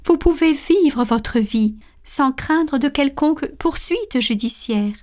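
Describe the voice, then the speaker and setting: A stern, measured judge speaks in a storybook tale, read by a woman. The formal lines come slowly, in a slightly high voice. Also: animated, a little mellow. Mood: solemn. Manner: formal, deliberate. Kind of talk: storybook reading.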